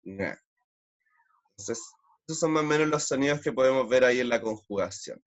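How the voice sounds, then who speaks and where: A man's voice: medium pitch, lively intonation, normal speed. A man with a Chilean accent teaching a beginner language class online, patiently drilling sounds and repeating syllables. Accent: Chilean Spanish.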